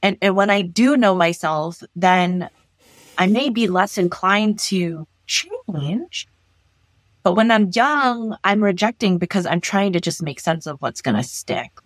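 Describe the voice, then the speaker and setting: A woman therapist from Los Angeles, talking in an animated way in an interview and often restarting her sentences. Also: medium pitch, a little slow, dry recording. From Los Angeles, United States. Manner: animated, thinks aloud with frequent restarts. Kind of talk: conversational interview.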